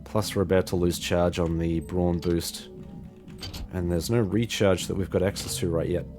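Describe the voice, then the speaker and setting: A man with a low voice commentates casually on a game as he plays. He keeps up a wry, chatty stream of self-talk, with soft game music underneath. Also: steady tone, moderate pace. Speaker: video game longplay host.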